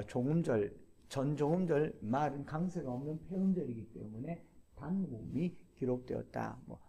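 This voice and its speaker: Gravelly man giving a lecture. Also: a little high, warm tone, a little hiss or hum. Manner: explanatory, repeats key terms, thinks aloud with fillers. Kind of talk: classroom lecture.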